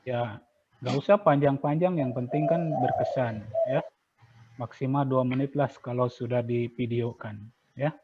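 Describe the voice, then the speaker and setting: A male teacher patiently explaining exam rules to students, with many fillers and repetitions. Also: mid-range voice. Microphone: video call. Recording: tinny phone-like online call audio.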